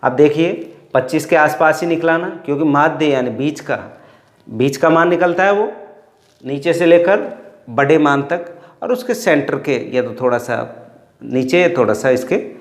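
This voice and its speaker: Man teaching maths w/ rajasthani hindi accent, kinda high voice, goes step by step, echoey room. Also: moderate pace. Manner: patient, explains step by step and repeats sums aloud. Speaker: math teacher. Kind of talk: classroom math lesson.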